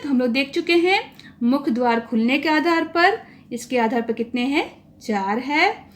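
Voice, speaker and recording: A woman teaching a grammar lesson to exam students, explaining patiently and saying each vowel sound aloud for listeners to repeat. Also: high-pitched.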